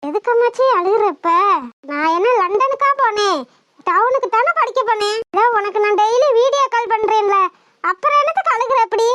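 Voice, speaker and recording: A cheeky young granddaughter. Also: female voice, very high-pitched, fairly bright tone, no room sound. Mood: teasing. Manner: teasing, quick, affectionate. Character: cheeky young village granddaughter back from town. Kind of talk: cartoon voice acting.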